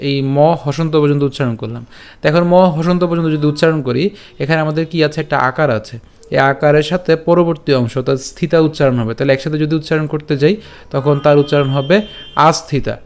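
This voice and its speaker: A man with a Bengali accent teaching scripture recitation step by step, patiently repeating each word slowly and chanting the verses in a tune. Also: a little high, steady tone, darkish tone.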